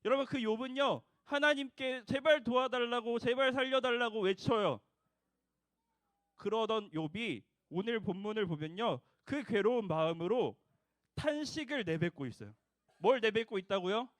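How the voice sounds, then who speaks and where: A man's voice: very high voice, a bit bright, no echo, studio quality. A young man preaching a sermon to children, asking them questions and having them repeat after him. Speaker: junior preacher for a children's service.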